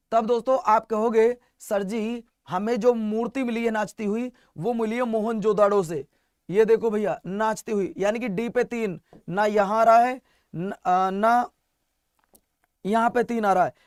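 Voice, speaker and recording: A man's voice: high-pitched, darkish tone, dry recording, studio quality. A man teaching an exam-prep lecture, asking questions and answering them himself, repeating key facts for his students. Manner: addresses students as friends and kids.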